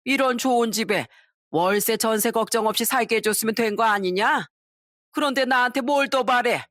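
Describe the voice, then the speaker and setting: A woman's voice: fairly high pitch, normal speed, fairly bright tone, no room sound, studio quality, voice pushed up, lightly acted. A woman voicing a selfish, abusive father-in-law in his sixties who belittles and rants, often drunk. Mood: contemptuous. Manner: scornful, belittling, drunken ranting.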